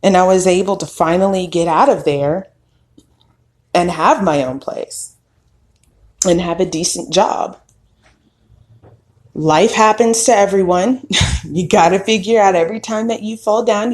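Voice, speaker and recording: A woman in her thirties, a podcast host, telling her own story in a slow, candid and reflective way. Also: on the low side. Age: 30s. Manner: slow, reflective, candid with occasional soft laughs. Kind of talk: personal storytelling monologue.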